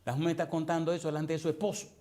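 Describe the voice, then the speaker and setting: A man's voice: on the high side, little pitch movement, racing, mellow. A male pastor preaching a sermon in a church, firing emphatic rhetorical questions at the congregation.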